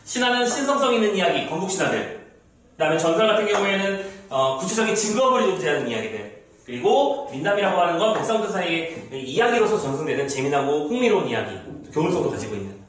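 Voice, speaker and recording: A middle-aged man teaching a literature lecture to students, chatty and lively, reading passages aloud and acting out the characters. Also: high voice, fast talker. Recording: very echoey room, mic off at a distance, faint noise.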